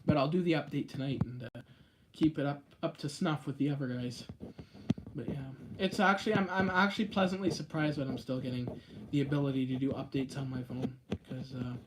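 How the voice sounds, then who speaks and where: A YouTube host chats on a phone livestream, rambling through viewer comments with sudden pitch jumps on stressed words. His intonation is otherwise fairly even and his pace brisk, with a noisy background.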